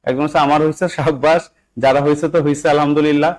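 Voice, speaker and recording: Racing through a live online spelling class in poor audio, a young Bangladeshi-accented man who teaches English for job exams repeats his instructions over and over. His voice is fairly high, darkish, and nearly flat in pitch as he coaxes students to write answers and checks their understanding.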